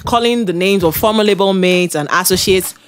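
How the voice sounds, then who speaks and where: A woman's voice: mid-range voice, fairly quick. A woman presenting scripted celebrity gossip news, opinionated with conversational asides. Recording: music bed underneath.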